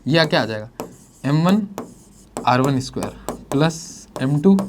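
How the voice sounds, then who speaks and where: Against background noise, a man teaches physics at a board in a fairly high, animated voice, going a little slow. He works through each step, answering his own questions, and addresses students as "bhai sahab" and "beta".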